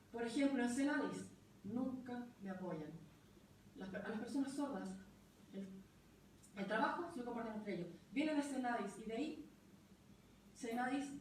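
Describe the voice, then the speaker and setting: A woman's voice: a little high, a little mellow, a little hiss or hum. A woman working as a sign language interpreter, voicing a deaf speaker in short, clipped phrases during a live panel talk. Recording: very echoey room, voice from far off.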